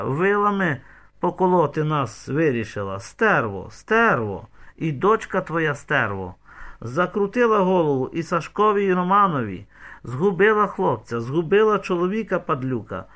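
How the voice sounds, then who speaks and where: Man doing a shrill, spiteful village woman, screeching, venomous, high voice, piercing bright tone, audiobook figure. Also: big pitch swings, moderate pace. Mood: screeching abuse.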